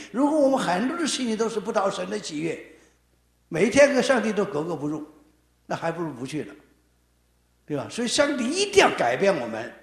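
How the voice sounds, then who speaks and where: Animated male preacher in an echoey room. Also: sits high. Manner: animated, emphatic delivery with rising and falling emphasis. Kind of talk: sermon.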